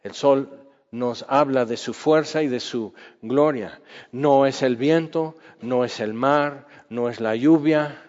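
Preacher in a reverberant hall. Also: male voice, mid-range voice, slow pace. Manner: conversational, acts out quoted voices with dramatic drops to a hush. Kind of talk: sermon. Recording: dull sound with long hall reverb.

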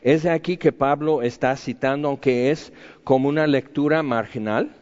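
A man's voice: mid-range voice, normal speed, darkish tone. A man preaching a sermon in a conversational, argumentative way, full of rhetorical questions. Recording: echoey hall, dull lo-fi sound.

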